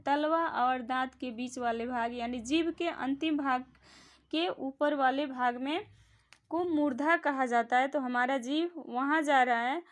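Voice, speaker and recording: A woman teaching a grammar lesson, patiently repeating each sound aloud for the learner to copy. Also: high voice. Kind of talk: classroom-style grammar lesson.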